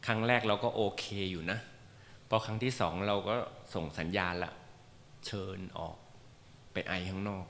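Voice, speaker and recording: A man's voice: lowish voice, brisk, a bit bright. A man teaching a class about leading meditation, talking casually and joking, with many fillers. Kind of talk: informal lecture to a class. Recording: roomy hall reverb, faint background noise.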